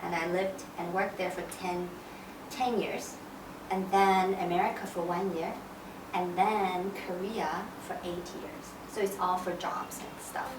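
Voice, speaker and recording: A lower-voiced woman from China who works as a school counselor, giving short, thoughtful answers in an interview. Her voice sits back from the microphone in a roomy space, with steady background noise underneath. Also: measured pace, far from the mic.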